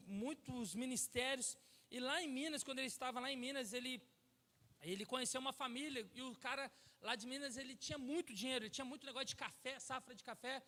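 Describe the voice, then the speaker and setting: Brazilian pastor guy preaching, really high bright voice, tells stories and acts out the lines, echo of a big church hall. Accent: Brazilian Portuguese. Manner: storytelling preacher, acts out dialogue, rises to near-shouting peaks. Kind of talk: sermon. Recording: long church hall reverb.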